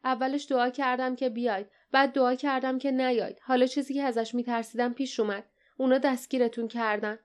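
A woman's voice: sits high, fairly even intonation, smooth, pitched above the performer's own voice, natural voice. A woman voicing a weary, frightened young male prisoner who speaks miserably and anxiously. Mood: miserable.

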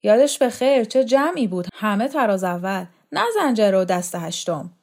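A woman's voice: mid-range voice, animated, a little mellow. A woman reading the part of a proud, scornful older man who boasts of his theatre past.

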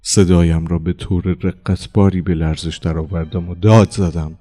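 A man reading a first-person short story aloud as an audiobook narrator, with a measured, expressive delivery. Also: low voice, soft background music.

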